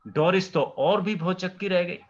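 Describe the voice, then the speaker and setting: A male teacher slowly explaining a play to his class, questioning students and acting out the lines. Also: high-pitched, highs cut off, noisy background.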